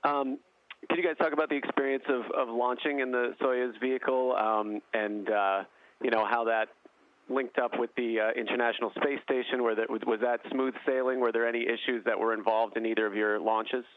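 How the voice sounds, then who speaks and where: A male reporter puts loose, halting interview questions in a casual way. His voice comes down a tinny phone line, dry and narrow. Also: medium pitch, steady tone, no echo. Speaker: TV news reporter.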